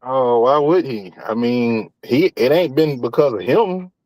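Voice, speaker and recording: A man's voice: medium pitch, unhurried, a little mellow, dry recording, low-quality recording. A man from Georgia co-hosting a podcast, bantering playfully in casual chat. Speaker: podcast co-host.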